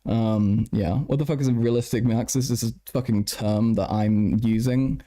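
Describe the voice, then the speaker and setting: A man's voice: lowish voice, fairly even intonation, normal speed, mellow. A tired man chatting casually on a late-night livestream, stuttering, repeating words and swearing as he answers his chat. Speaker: live streamer.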